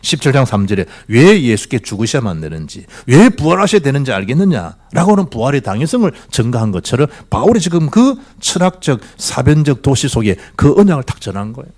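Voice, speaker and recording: A middle-aged man preaching, his pitch leaping all over the place. He keeps asking the congregation questions, then drops to near whispers before rising again. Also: brisk, hardly any pauses. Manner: animated preaching with rhetorical questions and swings from loud to hushed. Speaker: pastor. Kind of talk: sermon. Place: church sanctuary.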